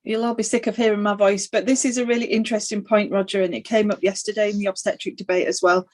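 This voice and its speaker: A woman's voice: mid-range voice, level tone, fast talker. A woman sonographer answering questions earnestly on a panel debate over a video call, with emphatic points and some restarts.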